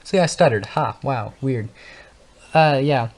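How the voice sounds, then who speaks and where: This male gaming host speaks at a medium pitch and measured pace, talking casually and unscripted over gameplay. He rambles and thinks aloud with lots of fillers, often stuttering, stumbling over words and restarting.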